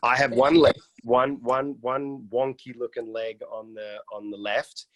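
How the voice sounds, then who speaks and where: A man's voice: mid-range voice, level tone, a little slow, no echo. Man telling his life story on a video call. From Iraq. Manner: joking, with frequent restarts and fillers. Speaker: guest on a mentoring call. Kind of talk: casual personal storytelling.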